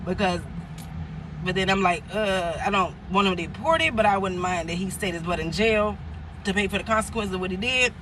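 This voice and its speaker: A woman's voice: mid-range voice, moderate pace, fairly bright tone, slight background noise. A woman vlogger telling a personal story in a casual, rambling way, acting out the people she quotes. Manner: loose, rambling retelling with restarts and laughs, acting out quotes. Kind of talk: casual storytelling while eating.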